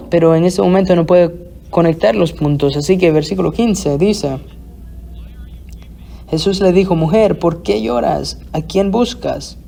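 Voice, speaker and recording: A male pastor preaching an expository sermon in a deliberate, halting way, often restarting his phrases. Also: sits high, creaky, warm tone.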